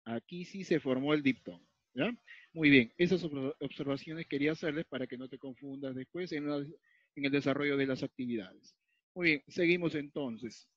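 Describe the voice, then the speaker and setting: A man from Peru walks a class through a grammar lesson, repeating each rule and pausing to check that everyone is following. His voice sits a little high for a man. The recording is dull and dry, with no room echo. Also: a bit bright. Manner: explains step by step, repeats key points, checks in with frequent "¿ya?". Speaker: teacher. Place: at a whiteboard or tablet, writing as he talks.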